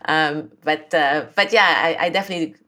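A woman from the Philippines, a podcast guest, telling her life story in a casual, lively way with many fillers and restarts. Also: low-pitched, normal speed. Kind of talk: casual interview chat.

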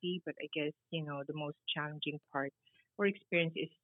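A woman's voice: low voice, steady tone, fast, no room sound. A middle-aged woman from the Philippines, answering interview questions casually with many fillers. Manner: rambling, many fillers, laughs easily. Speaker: guest, baker and business founder. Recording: tinny phone-like line.

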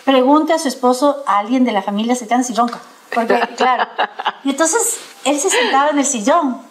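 A middle-aged woman chatting casually on a panel, telling a story in a lively way and often laughing as she talks. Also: high voice, a little fast. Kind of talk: casual chat.

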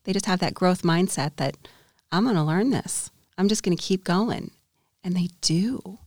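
Candid, lower-voiced woman dentist. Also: normal speed, a little mellow, dry recording, studio quality. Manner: candid, reflective, with small restarts. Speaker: dentist and podcast co-host. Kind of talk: casual podcast conversation.

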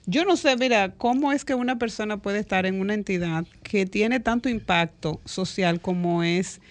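An earnest woman with a Dominican accent co-hosts a radio chat. Her voice has an ordinary mid pitch, and she tells anecdotes with frequent quick interjections. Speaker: radio show co-host. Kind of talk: casual panel chat.

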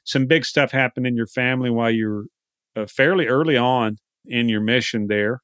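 A man with a Texan accent hosting a podcast, chatting casually and circling back with frequent restarts. His pitch sits mid-range. The recording is dry and close. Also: moderate pace, fairly bright tone, clear, resonant tone, no room sound. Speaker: podcast host. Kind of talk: casual interview chat.

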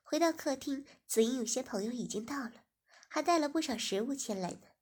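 A woman narrates a story in a slightly high, breathy voice. She reads evenly and unhurriedly, and sometimes slips into a soft whisper. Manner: even, unhurried reading, dropping into a whisper.

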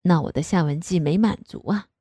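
A woman voicing a middle-aged father in an audio story, soft-spoken and teasing, with a husky, lowered voice. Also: a little fast, dry recording, studio quality.

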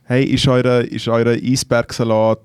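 A man teases his co-host on a podcast with dry wisecracks. His pitch is medium for a man. The recording is dry and close to the mic. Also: level tone, unhurried, darkish tone, clear, resonant tone, no echo. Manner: teasing, dry jokes. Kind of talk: casual banter.

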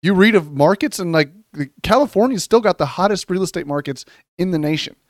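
A man co-hosting a casual podcast chat, thinking out loud and asking questions. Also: sits high, animated, a little fast, no echo, clean studio sound. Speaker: co-host.

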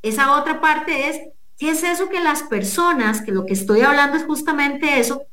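A woman's voice: sits high, lively intonation, moderate pace, bright, forceful tone, reverberant. A middle-aged woman, a coach and businesswoman, earnestly talking a listener through numbered questions as an interview guest. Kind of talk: motivational talk in an interview.

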